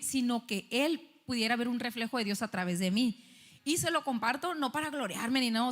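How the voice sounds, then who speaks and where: Brief: young woman preacher, higher voice, animated storyteller, long hall reverb. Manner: animated storytelling, acting out dialogue. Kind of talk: sermon with personal story. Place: church stage.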